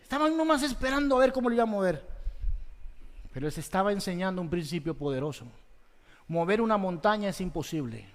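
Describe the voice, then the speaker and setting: A man with a high, ringing voice preaches to his congregation, his words trailing off in the long reverb of a big church hall. He swings between loud exhortation and hushed, slow emphasis, throwing rhetorical questions at the people in front of him. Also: expressive. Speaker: pastor. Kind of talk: sermon.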